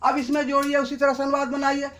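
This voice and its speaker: A male teacher giving a Sanskrit grammar lesson, slowly repeating each form for students to copy. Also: very high voice, monotone, fairly bright tone, slight background noise. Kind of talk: classroom lesson.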